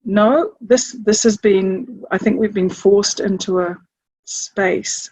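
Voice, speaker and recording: A middle-aged woman from Samoa, a chief executive, speaking reflectively to camera and often pausing to search for words. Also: medium pitch, darkish tone, husky, no echo, poor audio. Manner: thoughtful, searching, with restarts. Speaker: chief executive of a leadership organisation.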